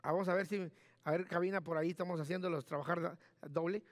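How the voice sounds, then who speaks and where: Man, pastor, emphatic sermon, very high voice, dry close sound. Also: fairly even intonation, quick pace, no room sound. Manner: emphatic, repeats key words, directs the sound booth. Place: church.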